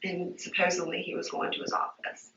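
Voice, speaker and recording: A shaken middle-aged woman recounting an ordeal to investigators, halting and repeating herself with many fillers. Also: on the low side, level tone, vocal fry, bright, forceful tone. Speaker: witness giving a statement. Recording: roomy, distant, dull interview-room tape.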